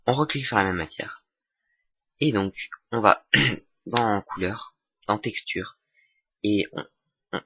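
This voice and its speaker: Low husky young man, lo-fi. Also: no room sound. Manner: hesitant, many fillers and restarts, self-mocking. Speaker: software tutorial maker. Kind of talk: casual screen-recorded tutorial. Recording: dull lo-fi desktop mic.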